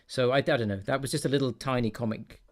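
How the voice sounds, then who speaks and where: A man hosting a film podcast, rambling and relaxed, often restarting his sentences. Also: medium pitch, fast. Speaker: podcast host. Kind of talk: casual film chat.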